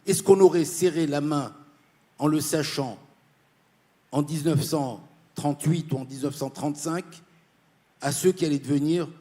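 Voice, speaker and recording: A man's voice: a little high, mellow. Earnest man from Morocco giving a speech. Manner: earnest and insistent, repeating key points. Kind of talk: formal panel speech. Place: conference panel.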